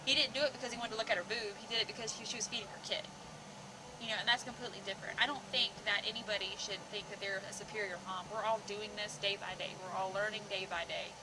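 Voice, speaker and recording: A woman in her twenties, host of a parenting discussion vlog, rants casually and with strong opinions, fast and in a mid-pitched, fairly even voice over background noise. Seated indoors with a group a few feet from the camera, she's blunt, emphatic, and swears a lot.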